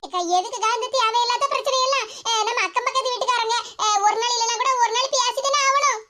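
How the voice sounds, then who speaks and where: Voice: extremely high pitch, steady tone, fast talker. A performer voicing a village neighbor woman pleading to stop a quarrel. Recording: loud background noise with clicks.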